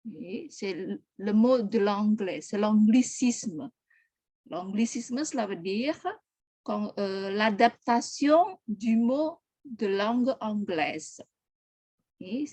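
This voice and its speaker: A woman's voice: mid-range voice, lively intonation, slow, warm tone, no echo. A woman teaching a French class, patiently repeating questions and correcting pronunciation. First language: Indonesian. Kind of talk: online language class.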